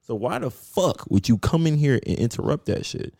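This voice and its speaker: A man co-hosting a podcast in casual, profane chat, telling a story in an animated way. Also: mid-range voice, moderate pace, gravelly, dry recording, studio quality. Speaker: podcast co-host.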